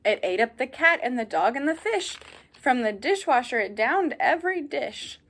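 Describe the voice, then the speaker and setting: Like a teacher sharing a picture book, a woman reads aloud at normal speed in a high voice. She stays animated and keeps turning to her young audience with asides and questions.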